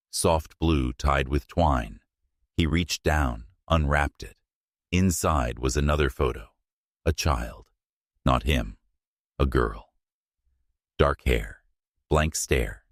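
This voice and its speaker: A man narrating a scripted horror story in a hushed, suspenseful manner, in short, measured phrases. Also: extremely low pitch, no room sound, studio quality.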